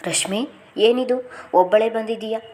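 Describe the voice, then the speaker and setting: A woman's voice: moderate pace, close to an everyday voice. Woman voicing a worried sister-in-law. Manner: worried, higher and louder questioning. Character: anxious older sister-in-law of the household.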